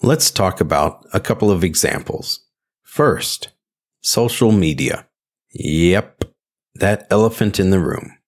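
Low-voiced man, earnest and deliberate. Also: animated. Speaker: podcast host, interpreter. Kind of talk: scripted solo podcast talk.

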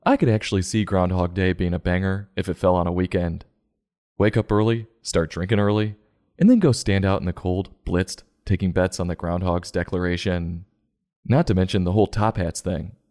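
A man's voice: sits low, moderate pace, mellow. A man hosting a comedic review show, narrating and commenting in an irreverent, sarcastic, profane way.

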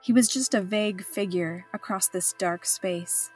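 A woman's voice: mid-range voice, a little slow, darkish tone, faint music behind. Woman narrating a memoir, wry and reflective. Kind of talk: scripted first-person narration.

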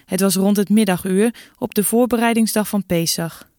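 A woman narrating a Bible passage in an even, measured way. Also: mid-range voice, no room sound, studio quality.

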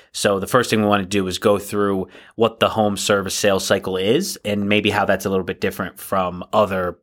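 A man co-hosting a casual business podcast, talking in a relaxed way and often checking in with "right?". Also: fairly low pitch. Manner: relaxed, tags sentences with "right?". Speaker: podcast co-host.

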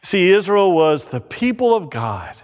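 A pastor preaching a sermon at a pulpit microphone in a church, reading scripture and praying in a measured, emphatic way. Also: male voice, high-pitched, very animated. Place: church sanctuary. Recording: reverberant church hall.

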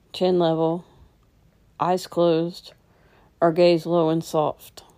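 A meditation teacher, a woman with a low, dark, relaxed voice, leads a guided meditation. She stays very level and unhurried, giving gentle instructions one step at a time.

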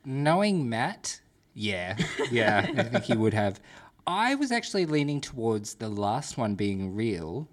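A man's voice: medium pitch, big pitch swings, a little slow. A man co-hosts a casual podcast in a laid-back, jokey way. He swears offhandedly and keeps the banter rolling. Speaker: podcast co-host.

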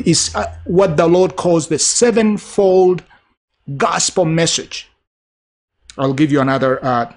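A middle-aged man from Uganda hosting a broadcast, preaching a sermon in an earnest, repetitive cadence. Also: a little high. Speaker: preacher and TV host.

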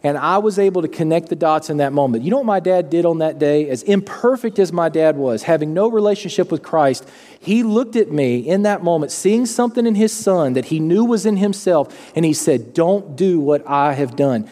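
A middle-aged man preaching a sermon as pastor, telling a personal story in an earnest, animated way. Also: fairly high pitch, brisk. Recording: long reverb of a large hall.

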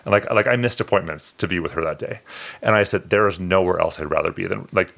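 Deep-voiced man telling earnest stories. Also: quick pace, gravelly, fairly bright tone. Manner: earnest, heartfelt storytelling. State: emotional. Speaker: podcast co-host. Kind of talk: casual podcast chat.

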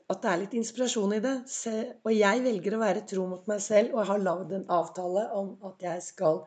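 A woman hosting a motivational podcast, a little hoarse from a cold, telling stories and asking her listeners reflective questions. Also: medium pitch, mellow. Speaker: podcast host.

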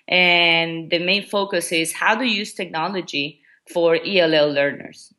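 This Ecuadorian woman, a native Spanish speaker, answers interview questions in English as a guest education coordinator. Her lowish voice is steady, measured, pushed and bright, and she hesitates often with ums and restarts.

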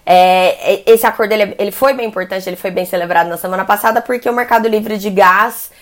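A Brazilian woman journalist delivers energy sector commentary at a mid pitch. She talks in a loose, conversational way, often restarting phrases and adding fillers as she explains. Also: fast talker. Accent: Brazilian Portuguese. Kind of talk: news commentary.

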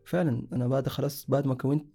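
A man's voice: medium pitch, steady tone, very fast, gravelly, warm tone, faint music behind. A young man from Sudan, casually telling his own story in a rambling way, often correcting himself mid-sentence. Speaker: guest sharing a personal story.

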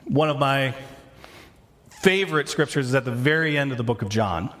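At a normal pace, a man with a mid-range, fairly bright voice preaches. The pastor handles scripture casually, keeps things conversational, and repeatedly restarts his sentences to correct himself.

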